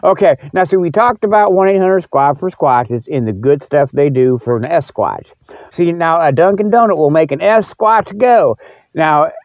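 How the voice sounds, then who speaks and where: A man with a voice on the high side rambles casually through a solo talk-show monologue as a podcast host, sounding folksy, repetitive and stop-and-start. The recording has no room sound and a narrow, phone-like character.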